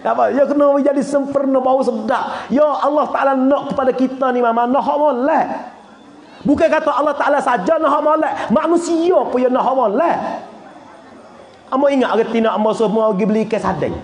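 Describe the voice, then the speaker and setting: High-voiced preacher, echoey room. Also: male voice, brisk. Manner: jokey, laughs often, bursts into shouts. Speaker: religious teacher. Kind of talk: humorous religious lecture.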